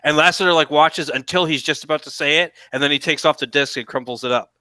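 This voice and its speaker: A man with a bright, forward voice talks casually on a livestream. He rambles and halts, circling back over phrases before finishing them. The sound is very dry, with hardly any room around it. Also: on the high side, dry recording. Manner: rambling, halting, repeats and restarts phrases. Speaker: stream participant chatting about TV shows.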